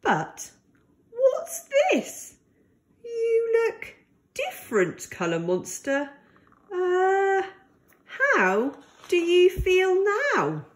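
A storyteller reads a picture book aloud for small children, her high voice rising and falling in lively swoops. She goes very slowly and deliberately, keeping everything gentle and expressive.

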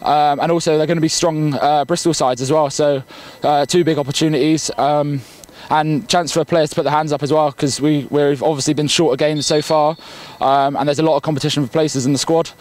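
A young man, a rugby player, giving quick post-match answers full of ums, outdoors at night into a handheld mic. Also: fairly high pitch. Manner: quick, flat, filler-heavy answers. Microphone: handheld interview mic.

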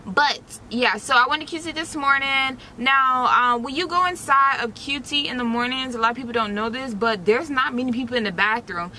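A woman's voice: high voice, a little fast, few pauses, bright, forceful tone, slight background noise. A young woman, chatting to her viewers in a slangy, direct way while doing a face mask inside a parked car, recorded on a camera close in front of her. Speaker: vlogger.

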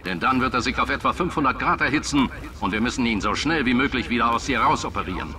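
A man's voice: mid-range voice, animated, quick pace, crowd noise, natural voice. A man voicing a brash eccentric company boss. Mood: breezy. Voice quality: cheerfully reckless, matter-of-fact about dangers. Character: brash eccentric male company founder on recorded announcements. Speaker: in-game announcer. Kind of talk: recorded game announcements. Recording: noisy game sound mixed in.

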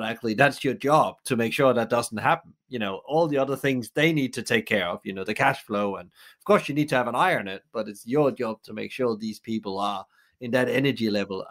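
A man's voice: mid-range voice, fairly quick, a bit bright. A male podcast host asks questions and shares his own reflections. His English is slightly non-native in its grammar and phrasing.

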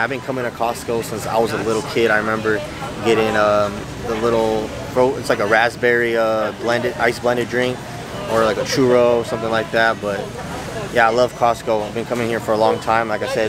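A man's voice: lowish voice, flat delivery, a little fast, a crowd in the background. A young man vlogging casually while shopping in a big warehouse store, joking and slangy. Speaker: fitness vlogger. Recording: noisy store ambience.

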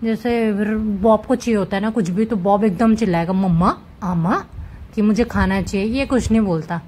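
A woman vlogging casually at home with her cats, chatting gently to viewers as she handles them. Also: medium pitch, brisk, a little hiss or hum. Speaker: cat vlogger. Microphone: camera set up nearby.

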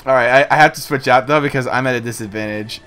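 A man's voice: medium pitch, quick pace, fairly bright tone, a little hiss or hum. A man giving casual, profane, jokey commentary while playing a co-op game. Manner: profane, jokey, laughs often. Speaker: co-op let's play host.

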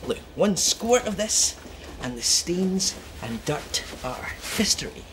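A man's voice: high-pitched, very animated, takes it slowly, background noise, exaggerated voice. A man playing a fussy, proud train buffet worker who talks in a chirpy, sing-song way and chuckles often in a children's TV show.

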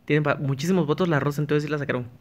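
A man talks his way through a game in a loose, chatty commentary, often restarting his sentences. His voice sits a little high for a man. A faint hiss runs under the recording. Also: fairly even intonation, very fast. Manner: chatty, talks to himself while playing, frequent restarts. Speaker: gaming YouTuber. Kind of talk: casual gameplay commentary.

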